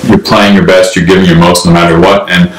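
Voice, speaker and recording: A young man with a very deep voice speaks earnestly, restarting phrases as he goes. His voice rings a little in a roomy indoor space. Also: little pitch movement, a little fast, a little hiss or hum. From New Jersey, USA. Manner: earnest, self-correcting. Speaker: cellist being interviewed. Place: bright room indoors.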